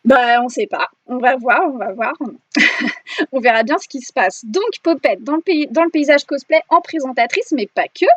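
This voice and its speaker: A woman's voice: high voice, lively intonation, normal speed, a bit bright, no echo. A French woman hosting a live interview, chatty and bubbly, talking to her viewers in the chat. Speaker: interviewer and live stream host.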